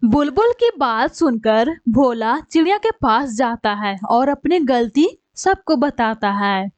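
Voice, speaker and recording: A woman's voice: a little high, lively intonation, slow pace, no room sound, highs cut off. A woman narrating a cartoon story in a plain, explanatory manner.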